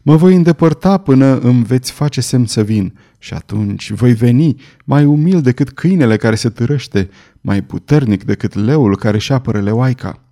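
Storybook lover: a desperate young nobleman pleading feverishly, read by a man, with a mellow voice. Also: medium pitch, expressive, lightly acted. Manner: impassioned pleading.

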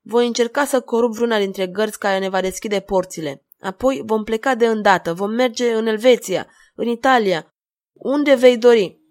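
An aging court jester, fiercely devoted to his daughter, his voice pushed loud and pitched a touch high, as a woman reader puts him on. He speaks in an emotional, theatrical storybook reading. The voice stays in an ordinary middle register. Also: natural voice. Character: aging male court jester, doting anxious father.

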